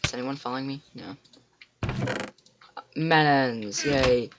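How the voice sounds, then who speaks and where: A teenage boy with a cracking voice, rambling excitedly to himself as he plays a computer game. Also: mid-range voice, slow, noisy background. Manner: excitable, rambling, talks to himself while playing. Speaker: gamer. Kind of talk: casual game commentary. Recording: loud keyboard clicks and typing.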